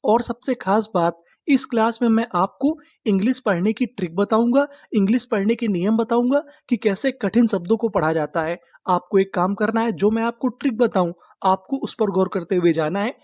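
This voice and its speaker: A man gives a reading lesson in a steady, mellow voice. The sound is dry and close, with no room around it. He spells words letter by letter and asks quick questions that he answers right away. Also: high-pitched, no echo. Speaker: English teacher. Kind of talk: online spelling and vocabulary lesson.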